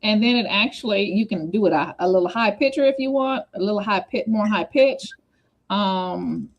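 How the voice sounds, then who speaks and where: A woman hosts a relaxed livestream chat over a video call. She talks quickly and hops from point to point, circling back with chatty asides. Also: mid-range voice, lo-fi sound. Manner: fast, scattered, chatty with repeated asides.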